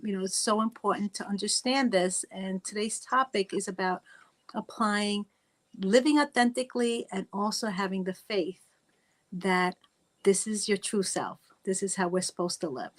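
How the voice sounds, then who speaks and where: A middle-aged woman from Italy hosting a faith talk show, speaking earnestly and personally, often adding "right?" and "you know". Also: mid-range voice. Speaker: podcast host.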